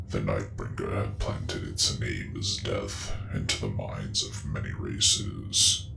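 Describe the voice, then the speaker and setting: A man acting out a gruff space marine in a whispered role-play, extremely deep and full of gravel. He recites old war lore slowly and solemnly, in a roomy echo with music behind him. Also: full character voice.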